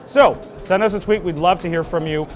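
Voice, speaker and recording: A man's voice: sits high, fairly quick, soft background music. A young man hosting broadcast news and political commentary in a conversational, emphatic presenter's delivery. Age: young adult.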